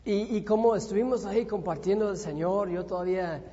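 Male preacher, mellow voice, animated storytelling sermon, echoey church hall, dull lo-fi recording. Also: high voice, brisk. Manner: animated storyteller, acts out his own panic.

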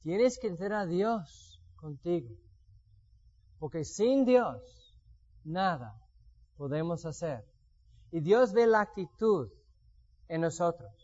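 On a lo-fi recording, a preacher whose voice sits high and a little mellow tells stories of his own life in a sermon. He acts out what he once said as part of his testimony.

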